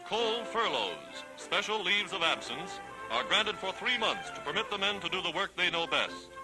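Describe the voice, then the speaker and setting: A man's voice: high-pitched, lively intonation, moderate pace, low-quality recording. A man narrating a 1940s newsreel in a dramatic, declamatory, scripted style. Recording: vintage 1940s newsreel soundtrack, loud music. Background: loud music.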